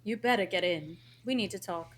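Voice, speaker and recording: A woman's voice: medium pitch, brisk, close to an everyday voice. A woman reading the part of an imperious, scheming fairy godmother at a live table read. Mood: menacing. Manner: imperious, sharp, scolding.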